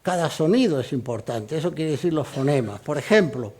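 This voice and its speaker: A man giving a measured university lecture on poetry, explaining meter and reading short verse examples slowly. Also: a little high, lively intonation, darkish tone, husky. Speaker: lecturing poet. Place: lecture hall.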